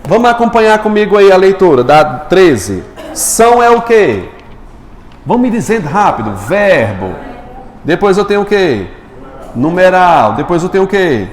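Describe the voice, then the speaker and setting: A man's voice: high-pitched, big pitch swings, moderate pace. A man teaching a live grammar class, quizzing his students and answering his own questions. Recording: echoey room with long reverb.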